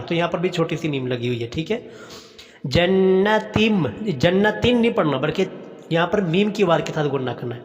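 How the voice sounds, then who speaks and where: A man teaching Quran recitation, chanting each phrase slowly and then explaining how to pronounce it. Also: on the high side, in a large hall. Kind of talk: recitation lesson.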